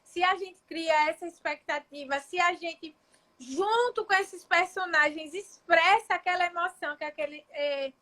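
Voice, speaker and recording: Very high, bright-voiced woman host. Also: moderate pace. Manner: reflective, often asks "né?" and restarts her thoughts. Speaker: child psychologist and live-stream host. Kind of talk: casual explanatory live chat.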